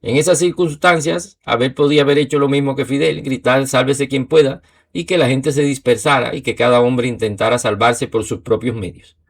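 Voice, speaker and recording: A man narrating a history documentary in a measured, steady way. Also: medium pitch.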